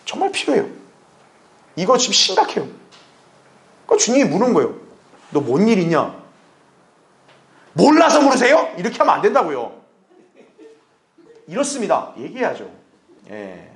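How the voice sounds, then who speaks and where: Male pastor, high and lively pitch, animated Bible exposition that acts out dialogue. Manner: animated, acts out dialogue between the Lord and believers; asks the congregation rhetorical questions and answers with "예". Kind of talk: expository sermon. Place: church sanctuary.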